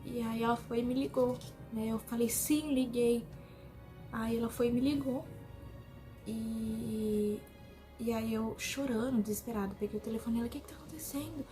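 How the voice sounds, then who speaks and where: A young Brazilian woman telling her own story in a vlog, speaking in an emotional, halting way and often repeating herself. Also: fairly high pitch, steady tone, warm tone, faint music behind. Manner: emotional, halting retelling with many repetitions. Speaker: vlogger.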